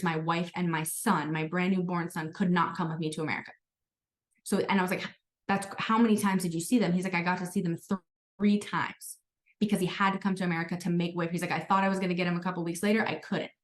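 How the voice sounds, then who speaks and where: Chatty woman leading a sales team talk, rattles along quick, a bit low for a woman. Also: fairly even intonation. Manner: chatty, storytelling, frequent "like" and "guys". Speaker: sales team leader hosting a training call.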